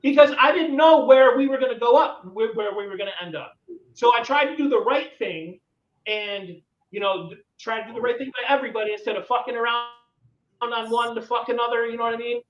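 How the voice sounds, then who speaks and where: A man's voice: very high-pitched, brisk. A man in his thirties hosting a podcast, telling a story in an exasperated, profane rant. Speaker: podcast host. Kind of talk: ranting casual chat. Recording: echoey room, distant dull mic.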